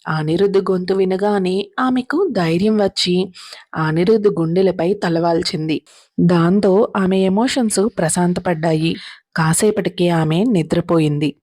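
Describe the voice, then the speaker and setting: A woman narrating a serialized drama story in a steady, dramatic reading style. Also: lowish voice, unhurried, no echo, studio quality.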